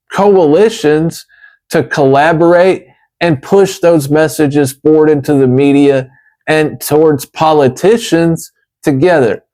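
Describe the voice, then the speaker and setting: A man speaks slowly in a somewhat high voice with a slight retainer-like lisp. He sounds earnest and emphatic, like an advocate making a case in deliberate phrases. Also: darkish tone. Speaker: chronic pain patient advocate.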